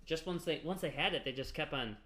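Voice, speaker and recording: A man's voice: fairly high pitch, a little fast, pushed and bright. A man co-hosting a casual gaming podcast, talking in rambling runs full of fillers and restarts. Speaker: podcast co-host.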